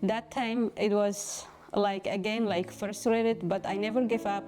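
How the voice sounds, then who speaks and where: A woman from Somalia, a former student giving a halting personal testimonial. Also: medium pitch, steady tone, music in the background. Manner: halting, simple phrasing, many fillers.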